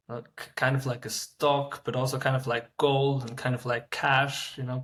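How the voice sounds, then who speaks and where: A man in his thirties, a company founder answering interview questions in a casual, halting way with many fillers and restarts. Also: mid-range voice. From Switzerland. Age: 30s. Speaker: startup founder guest.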